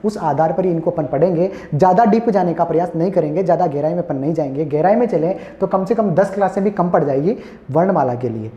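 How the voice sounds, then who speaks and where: A man teaching an exam-prep class, explaining each point over and over, calling his students friends and slowly sounding out vowels. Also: sits high, mellow. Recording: echoey room, dull lo-fi sound.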